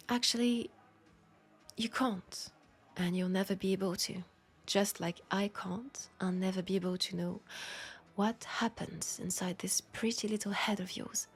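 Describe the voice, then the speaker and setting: In an intimate audio roleplay, a French-accented woman portrays a world-weary, seductive vampire. She talks softly and deliberately, frequently drifting into a whisper, in a mid-range voice with a slight roughness.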